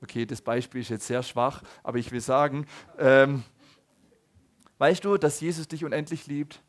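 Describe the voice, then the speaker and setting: A man in his thirties preaching a sermon, swinging between loud appeals and soft low asides, often asking the audience questions. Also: steady tone, moderate pace. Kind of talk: sermon to a congregation.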